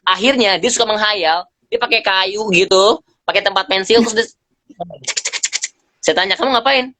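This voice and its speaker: A man speaking as a guest on a live stream, telling lively stories in slangy casual talk and acting out bits of dialogue. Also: sits high, normal speed, no echo. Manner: animated storyteller, acts out dialogue, slangy. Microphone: phone on a live video stream.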